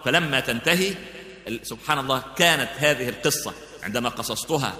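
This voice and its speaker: A man's voice: medium pitch, fast talker. A man preaching a religious lesson, telling stories with many fillers and restarts. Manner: lively storyteller with frequent fillers and restarts. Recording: echoey hall with long reverb.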